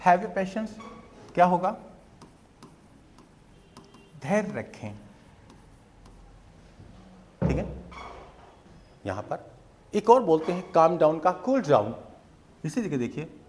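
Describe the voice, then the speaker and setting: Slow, patient Hindi-accented male teacher. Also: a little high, big pitch swings, darkish tone, slight background noise. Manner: slow and patient, repeating phrases, switching between Hindi and English. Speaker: English teacher. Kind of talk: spoken English lesson.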